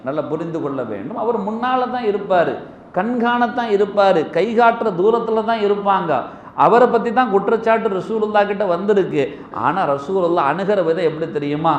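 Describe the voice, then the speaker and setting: A man giving a mosque sermon, telling stories with swings between loud emphasis and hushed asides. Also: high-pitched, brisk, lo-fi sound, a little hiss or hum. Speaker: preacher. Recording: echoey mosque with faint ambience.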